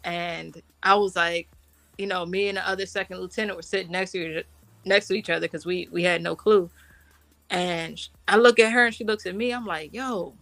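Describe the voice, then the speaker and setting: A woman's voice: on the low side, fairly even intonation, fairly quick, gravelly. A woman, a military officer being interviewed, telling war stories in an informal, slangy way and acting out the dialogue. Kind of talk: animated personal war story told conversationally.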